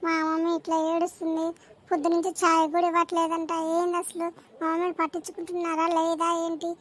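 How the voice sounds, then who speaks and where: A woman's voice: extremely high pitch, monotone, quick pace, voice pushed down. A woman voicing a grown daughter in a cartoon, who soothes her mother and scolds her sister-in-law sharply. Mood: scolding. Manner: pleading, then sharply scolding.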